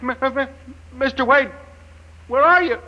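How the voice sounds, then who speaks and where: A man's voice: very high voice, measured pace, highs cut off. An actor playing a frightened, stammering middle-aged man pleading for release in a 1950s radio drama on an old broadcast disc. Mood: panicked.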